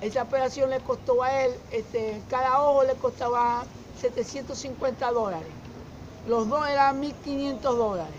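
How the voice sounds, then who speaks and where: A middle-aged man from Zulia with a Venezuelan accent, answering a street interview haltingly and often repeating words. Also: extremely high pitch. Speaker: interviewee, former street newspaper seller. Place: outdoor fruit stall on a city street. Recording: muffled, with loud street noise.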